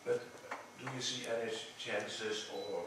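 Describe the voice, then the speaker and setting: A man's voice: mid-range voice, steady tone, unhurried. A man questioning a candidate as a thesis examiner, probing and skeptical. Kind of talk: academic questioning. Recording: very echoey room, distant mic, clearly noisy.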